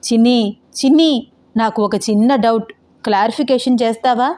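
A woman's voice: a little high, normal speed, dark tone, close to an everyday voice. A woman voicing a playful, teasing young man who patiently teaches his girlfriend to ride a scooter, read as an audio novel character.

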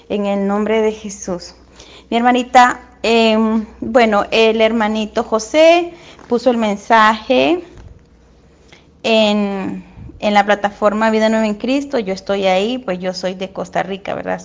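A woman from Nicaragua, speaking in a fervent, prayerful and repetitive way as a religious dream interpreter. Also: a little high. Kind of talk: religious testimony.

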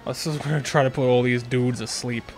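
A man's voice: mid-range voice, fairly even intonation, moderate pace, darkish tone, faint music behind. A young man hosting a let's play, thinking aloud in casual, chatty commentary.

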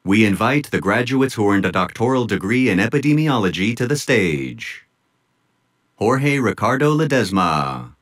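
Guy calling out grad names at a podium mic outdoors, slow and careful, lowish voice that moves around a lot. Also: very animated, a bit bright. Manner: measured, deliberate name-reading. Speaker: commencement name reader. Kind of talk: formal announcing of graduate names. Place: outdoor tent stage at a graduation.

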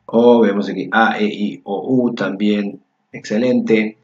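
A man teaching a slow grammar lesson, drawing out example words and often checking in with his listeners. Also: on the low side, fairly even intonation. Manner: slow, drawn-out word examples, frequent praise and check-in questions. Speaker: Spanish teacher. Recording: roomy, dull lo-fi sound with faint guitar music.

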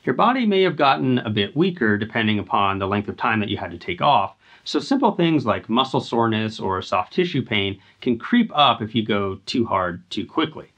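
A man's voice: lowish voice, normal speed, few pauses, lo-fi sound. Earnest man explaining fitness to camera. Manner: earnest, steady and instructive. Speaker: host. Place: indoor home climbing wall.

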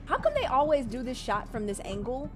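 A woman streaming a horror game, chatting with viewers and yelling at the characters, swearing freely and slipping into excited outbursts. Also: high-pitched, fairly quick, loud music behind the voice. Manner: chatty asides to chat with "girl" and "y'all". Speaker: gaming streamer. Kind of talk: live gameplay commentary.

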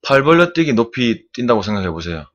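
A man's voice: mid-range voice, very animated, fast, a bit bright, highs cut off. A man, sweating after a swim, teaches arm strokes on a live stream and keeps repeating "like this" as he demonstrates. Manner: repetitive, demonstrative, keeps saying "like this". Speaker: swimming instructor streamer. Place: indoor room, live stream.

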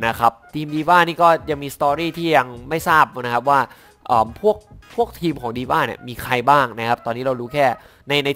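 A young man giving casual commentary on game skins, excitable, swearing now and then, stumbling a little when reading lore. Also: mid-range voice. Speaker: gaming YouTuber reviewing skins.

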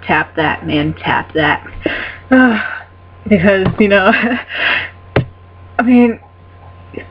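A woman answering fan questions in a casual vlog, excitable and giggly, rambling with lots of fillers and casual swearing. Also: medium pitch, drawn-out words, pauses often. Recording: dull lo-fi sound with faint hum.

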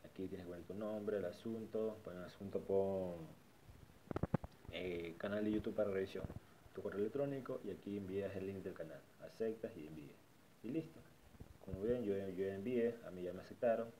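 Here the man's low-pitched voice has a warm tone and moves at a moderate pace, though the audio is poor, with a little hiss or hum. He's a tutorial vlogger narrating a website screen recording casually, repeating himself and restarting phrases as he highlights things.

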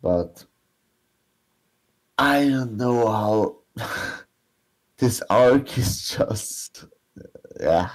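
A man in his thirties chatting casually about comics as a co-host, hesitant and halting, often repeating himself. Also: mid-range voice, expressive, poor audio. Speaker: co-host of a manga reaction show. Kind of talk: casual chat reviewing a manga chapter. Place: small room at home, indoors.

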